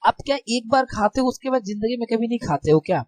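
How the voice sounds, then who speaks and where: A man's voice: very high voice, animated, fast, a little mellow, no room sound. A young man teaching a grammar lesson in a casual, friendly way. He keeps asking rhetorical questions and checking that his students follow. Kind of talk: casual classroom explanation.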